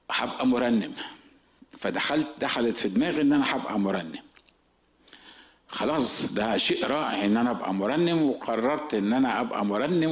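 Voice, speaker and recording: A man in his fifties with an Egyptian accent, a pastor giving a sermon as humorous, self-mocking storytelling. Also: mid-range voice. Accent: Egyptian Arabic.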